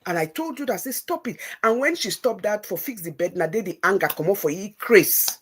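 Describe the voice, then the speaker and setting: A woman's voice: medium pitch, expressive, fairly quick, a little hiss or hum. A middle-aged woman with a Nigerian Pidgin-tinged English accent, hosting and telling a story animatedly, voicing her own past lines in quotes. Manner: retells conversations in quoted speech, emphatic and motherly. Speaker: show host.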